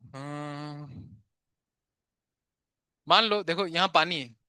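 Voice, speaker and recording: Bright, high-voiced man teaching a class. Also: brisk, no room sound, studio quality. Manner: chatty, scolds students to pay attention; mixes English terms into Hindi. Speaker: physics teacher. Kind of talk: live classroom lecture.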